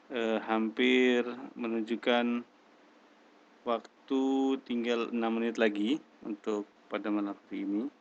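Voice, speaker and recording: A male tutor leading an online English class at an unhurried pace. He starts over often and mixes English phrases into his talk. The recording is dull and lo-fi. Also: mid-range voice, slight background noise. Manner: slow, hesitant talk with many restarts, mixing in English phrases.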